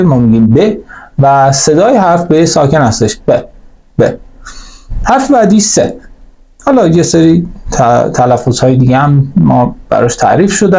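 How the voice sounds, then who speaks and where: A man who speaks Persian natively, teaching a spoken language lesson, explaining each letter and saying it slowly again, with frequent fillers. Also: on the high side, mellow. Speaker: German teacher.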